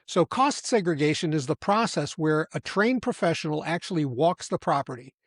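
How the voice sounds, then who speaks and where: A man's voice: fairly high pitch, animated, dry recording, clean studio sound. Emphatic man hosting a podcast. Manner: emphatic, deliberate, slows down to stress key points. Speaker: podcast host. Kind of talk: scripted podcast explainer.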